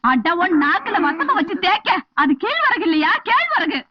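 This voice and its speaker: A very high, lively voice for the sharp-tongued headman's wife. She scolds quickly and turns mock-formal when she complains, on a dull film soundtrack. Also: background noise. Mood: scolding.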